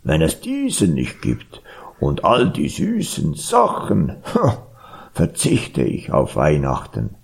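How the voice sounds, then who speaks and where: A man's voice: huge pitch swings, slow pace, gravelly, heavily acted. A man voicing a grumbling, sweet-toothed bear in a told animal story. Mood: grumbly. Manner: grumbling, low.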